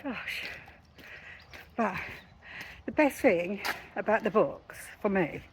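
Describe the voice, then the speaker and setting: A woman's voice: mid-range voice, expressive, slow, a little hiss or hum. A middle-aged woman, chatting on a street as she retells conversations with her neighbours. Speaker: self-help author. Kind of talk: casual walking vlog. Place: outdoors on a street.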